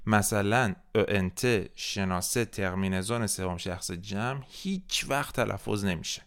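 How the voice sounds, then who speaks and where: A man hosting a podcast French lesson, modeling verb forms slowly for the listener to repeat. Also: fairly low pitch, fairly bright tone, clear, resonant tone. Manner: slow, drilled repetition of French words for the listener. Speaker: French teacher.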